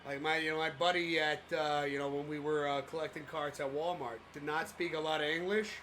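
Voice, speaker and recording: A man's voice: fairly high pitch, fairly even intonation, brisk, background noise. A man co-hosting a live sports stream, chatting casually and rambling with lots of fillers while reading out viewer messages. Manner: loose and rambling, many fillers and restarts.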